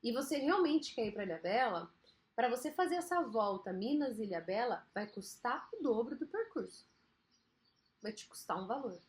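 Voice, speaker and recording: A Brazilian woman with a fairly high voice talks straight to her listeners in a motivational podcast. Her delivery is chatty and emphatic, with casual slang dropped in along the way. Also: lively intonation, normal speed. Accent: Brazilian Portuguese. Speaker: podcast host.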